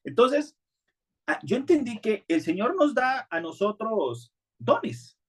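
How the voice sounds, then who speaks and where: A man's voice: extremely high pitch, big pitch swings, takes it slowly, slightly rough. A male pastor, preaching a sermon in an earnest, conversational way with frequent restarts.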